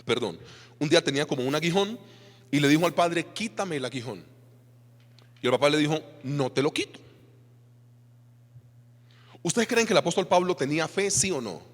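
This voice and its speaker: A man with a Colombian Spanish accent preaches to his congregation in a lively, swooping voice. He keeps throwing rhetorical questions at them, and his voice rings out through a reverberant church hall. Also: on the high side, normal speed, long pauses. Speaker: pastor. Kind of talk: sermon.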